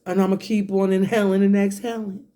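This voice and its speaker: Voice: mid-range voice, flat delivery, a little fast, warm tone. A person delivering a confrontational, profane online rant, drawing words out emphatically one at a time. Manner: sipping a drink between phrases, coughing and clearing throat.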